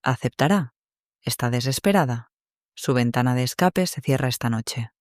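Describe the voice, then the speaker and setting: A man voicing a female police agent who speaks in a flat, matter-of-fact way. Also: medium pitch, moderate pace, dry recording, clean studio sound, natural voice.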